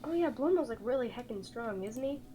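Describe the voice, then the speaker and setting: High-voiced woman playing a tabletop game. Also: lively intonation, a little fast, dark tone, low-quality recording. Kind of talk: casual, playful game chat.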